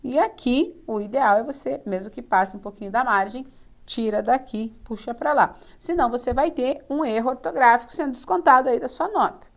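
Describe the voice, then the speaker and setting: A woman teaching a writing lesson, animated and playfully mimicking students. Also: a little high, brisk. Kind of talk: video lesson on writing rules.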